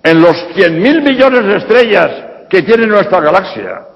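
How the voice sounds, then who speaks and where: A man's voice: high-pitched, animated, a little slow. A man from Spain with a Spanish accent, a priest answering audience questions bluntly with rhetorical questions. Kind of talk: public lecture Q&A. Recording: reverberant hall, dull lo-fi sound.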